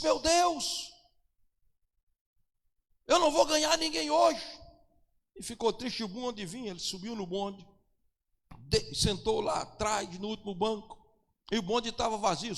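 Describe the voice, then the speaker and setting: Brief: male pastor delivering an impassioned sermon, very high and gravelly voice, church reverb. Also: animated, brisk. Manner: impassioned preaching, rising to shouts.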